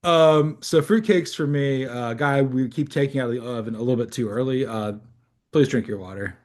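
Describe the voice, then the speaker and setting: A man co-hosts a casual sports podcast, trading jokes and breaking into laughter often. His voice sits at an ordinary middle pitch. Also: moderate pace, a little mellow. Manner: jokey, laughs often, playful quoted voices. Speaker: podcast co-host.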